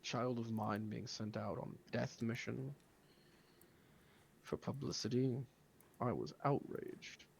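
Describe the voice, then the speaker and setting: A stern older father of high church rank, voiced by a man. He speaks slowly and gravely in a low, measured voice in a tabletop game. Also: steady tone, a little hiss or hum.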